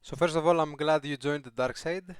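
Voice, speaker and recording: A man from Greece, coaching a player in a friendly, unhurried way with pauses and fillers. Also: fairly high pitch, smooth, dry recording. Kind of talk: casual coaching chat.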